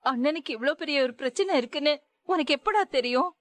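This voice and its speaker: A woman's voice: high-pitched, animated, fast talker, dry recording. An actress in a TV serial playing a worried middle-aged mother and wife who pleads and reproaches through tears. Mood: reproachful. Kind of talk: Tamil TV serial acting.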